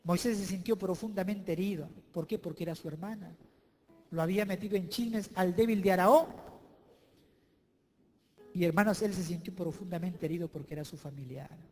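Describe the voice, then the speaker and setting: A male pastor preaching a sermon in a church, emphatic and swinging between loud declarations and hushed asides. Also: high-pitched, normal speed, faint music behind.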